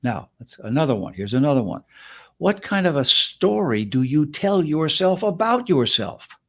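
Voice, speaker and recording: A man co-hosting a podcast, explaining points in a measured, conversational way. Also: a little high, very animated, fairly bright tone. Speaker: co-host.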